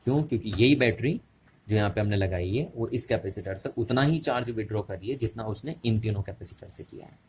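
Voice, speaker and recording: Male physics teacher, lower pitch, patient repetitive board explanation, faint noise in the room. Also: a little fast, a little mellow. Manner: repetitive, checking questions to students.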